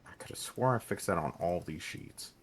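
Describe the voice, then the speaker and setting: A man narrating as game master of a tabletop game, calling for checks and describing the action in a relaxed, matter-of-fact way. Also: low voice, moderate pace, a little hiss or hum. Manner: relaxed, matter-of-fact rules talk with fillers.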